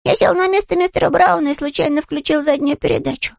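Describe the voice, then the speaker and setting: A man's voice: very high-pitched, steady tone, fast talker, vocal fry, dry recording, clean studio sound, voice pushed up. A man voicing a naive, polite young male bear in an audiobook, earnest and innocent in manner. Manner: earnest, innocent, matter-of-fact. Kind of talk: audiobook character voice.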